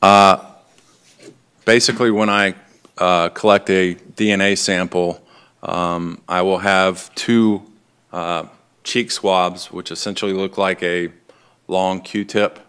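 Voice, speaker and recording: A male detective gives formal courtroom testimony in a low, flat voice. He is polite and matter-of-fact, and his delivery is clean and smooth. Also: takes it slowly. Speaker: lead detective testifying as witness. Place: indoor courtroom.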